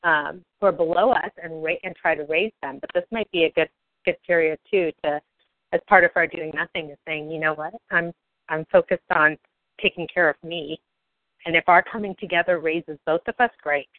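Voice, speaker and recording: A woman's voice: deep voice, steady tone, normal speed, no echo. A woman on a group phone call, encouraging and affirming the others. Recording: tinny phone line, dry.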